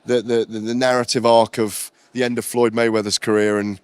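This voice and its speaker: A middle-aged man with an expansive, animated way of talking, being interviewed at a busy event and often circling back to repeat himself. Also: medium pitch, fairly quick, clean tone, dry recording. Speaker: interviewee on a red carpet. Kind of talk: excited casual chat.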